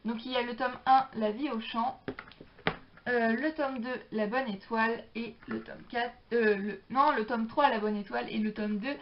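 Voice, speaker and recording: A woman's voice: fairly high pitch, steady tone, moderate pace, noisy background. A young woman chatting casually about books she borrowed, with many hesitations and fillers. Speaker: book vlogger. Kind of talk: casual book haul chat. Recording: dull lo-fi sound.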